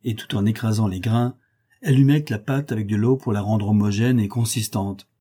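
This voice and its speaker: Male audiobook narrator, measured reading, dark husky tone. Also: lowish voice.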